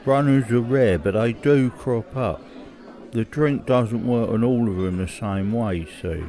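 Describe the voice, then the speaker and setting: A man plays a seasoned, hard-drinking British criminal of middle age in naturalistic audio drama dialogue, his medium-pitched voice unhurried, dark in tone, and lightly acted. He sounds world-weary and casually cold, keeping his speech colloquial and matter-of-fact.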